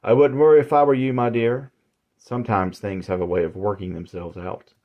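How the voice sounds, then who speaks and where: A man's voice: lowish voice, level tone, brisk, dull audio, close to an everyday voice. A man voicing an old male umbrella salesman who is polite and sinister, with courtly, folksy, old-fashioned phrasing. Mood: silky.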